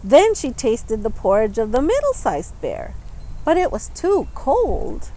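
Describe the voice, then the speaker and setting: Reading a children's storybook aloud, a teacher-like woman speaks slowly and expressively with a fairly high pitch, drawing out and emphasizing key words for little ones. She comments on the pictures along the way, though the audio quality is poor.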